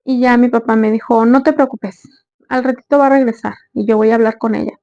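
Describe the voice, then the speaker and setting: A woman's voice: on the high side, fairly even intonation, brisk, darkish tone, no echo. A young woman earnestly tells a sad family story, retelling dialogue in quotes. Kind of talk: personal story narration. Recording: dull dry close recording.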